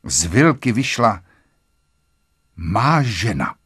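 Lively husky man reading a story. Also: on the low side, dry recording, clean studio sound. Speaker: audiobook narrator. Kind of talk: first-person literary narration.

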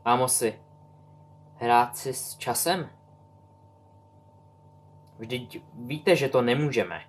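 Man voicing a tired, guarded grown wizard, curt, low, audiobook. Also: slight background noise, lightly acted. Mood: firm. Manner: firm, curt.

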